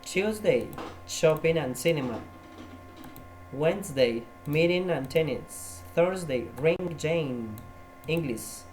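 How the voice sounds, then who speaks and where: A man's voice: on the high side, animated, extremely slow, darkish tone, a little hiss or hum. A man, teaching an English tutorial lesson and patiently repeating key words to drill them.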